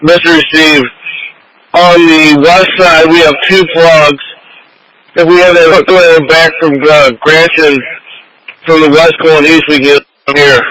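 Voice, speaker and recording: A man's voice: on the high side, little pitch movement, measured pace, pushed and bright. A man speaking as a firefighter on scene in working fireground radio traffic. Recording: noisy, clicking fire radio.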